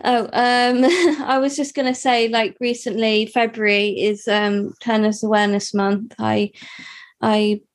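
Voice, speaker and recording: In a personal interview, a young woman from the UK describes her life haltingly, full of fillers and false starts. She sounds slightly high-pitched, with a flat delivery and a somewhat slow pace.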